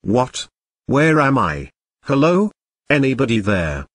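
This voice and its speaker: A man's voice: mid-range voice, sing-song, slow pace, husky, dry recording, studio quality, exaggerated voice. A synthetic male voice playing a bullied schoolboy son in an amateur cartoon, talking in a stilted, foul-mouthed way. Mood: confused.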